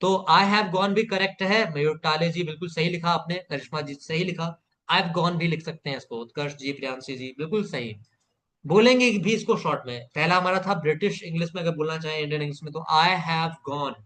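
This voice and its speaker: A man with a fairly high, slightly bright voice leads a live online spoken English class at a brisk pace. He patiently repeats phrases for learners to echo back and praises students by name.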